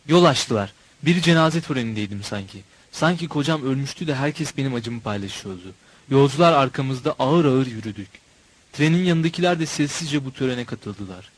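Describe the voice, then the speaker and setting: A man narrating a novel in a measured, expressive storytelling voice. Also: mid-range voice, slightly rough, low-quality recording. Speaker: audiobook narrator.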